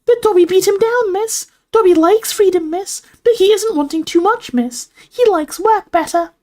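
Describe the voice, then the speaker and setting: The character is a little male house elf, servile and eager, performed by a woman in a storybook reading with a high, squeaky, shrill voice. He speaks in broken grammar about himself in the third person, at a normal pace with a slightly mellow quality, excited and proud.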